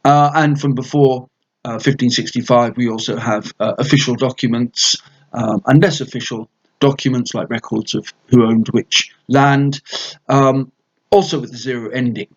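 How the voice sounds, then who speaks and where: A man giving an explanatory lecture in a measured manner, pausing between short phrases. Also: medium pitch, fairly even intonation, dull audio. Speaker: lecturer explaining dialect history.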